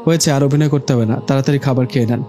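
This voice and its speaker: A man voicing a devout young woman who is modest and firm, speaking calmly and earnestly in a storybook reading. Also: medium pitch, very fast, soft background music, close to an everyday voice.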